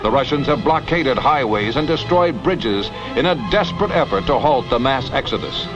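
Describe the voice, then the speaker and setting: A man's voice: medium pitch, expressive, normal speed. A man giving scripted, emphatic newsreel narration, heard as an old newsreel soundtrack. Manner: dramatic, emphatic announcer delivery. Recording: dull lo-fi vintage newsreel audio with music. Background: music.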